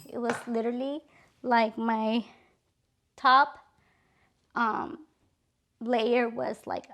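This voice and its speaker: A woman's voice: on the high side, a little hiss or hum. A middle-aged woman vlogger telling a story casually, chatty and exasperated, full of "like" and "literally". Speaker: beauty vlogger.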